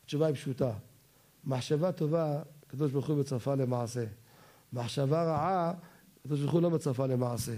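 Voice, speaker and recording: Mellow-voiced man giving a religious lecture. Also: mid-range voice, steady tone. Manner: poses rhetorical questions and answers them himself. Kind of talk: Torah lecture.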